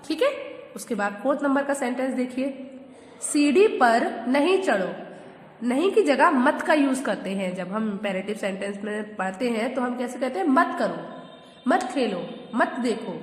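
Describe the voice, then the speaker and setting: A woman's voice: a little high, lively intonation, normal speed. Woman, school teacher, patient questioning, grammar lesson for kids, roomy long-reverb recording. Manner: patient, asks questions and answers them herself. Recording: echoey room with long reverb.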